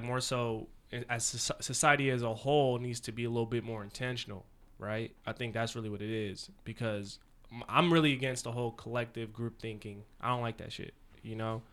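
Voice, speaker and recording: A man's voice: mid-range voice, a bit bright. A man hosting a podcast, talking casually with slang and mimicking how other people talk. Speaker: podcast host. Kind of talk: casual chat.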